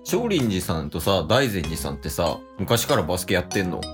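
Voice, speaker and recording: A man in his late twenties, one half of a comedy duo, speaks with a Kansai accent in a low, very animated, slightly fast voice. In an improvised skit he playfully teases and scolds his partner, with music in the background.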